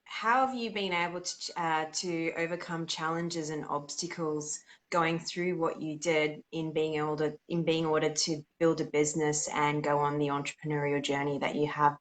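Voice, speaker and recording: A woman's voice: deep voice, little pitch movement, moderate pace, hardly any pauses. A woman hosting a podcast interview, encouraging her guest and often answering with "beautiful". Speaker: podcast host.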